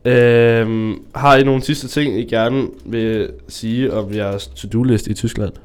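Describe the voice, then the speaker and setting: A man's voice: medium pitch, fairly even intonation, smooth. A man hosting a casual chat, musing and rambling as he thinks aloud. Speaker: host.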